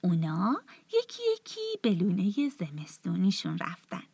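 A woman telling a bedtime story to children in a soft, often half-whispered, tender voice. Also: mid-range voice, wildly swooping pitch, husky, no room sound.

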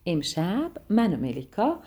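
A woman telling a bedtime story to children in a gentle, affectionate way. Her voice is warm and mellow, with lively, sing-song rises and falls of pitch that bring the tale to life. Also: slightly rough.

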